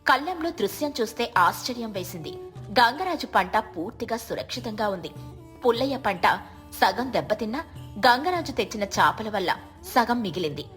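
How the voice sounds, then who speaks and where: A woman's voice: fairly high pitch, normal speed, soft background music. Woman narrating a cartoon story. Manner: calm, clear storytelling.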